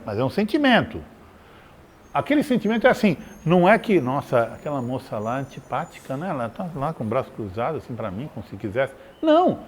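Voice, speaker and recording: Animated male lecturer, lively pitch. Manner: animated, conversational, acts out examples with swings in pitch. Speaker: psychologist giving a talk. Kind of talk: live lecture to a small audience. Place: community meeting room.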